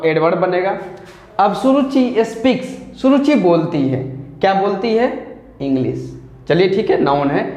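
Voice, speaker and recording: Guy teaching english grammar, hindi accent, high voice, patient, lots of repeating, echoey room. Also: darkish tone. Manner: patient, explains step by step with repeated examples. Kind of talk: classroom grammar lesson.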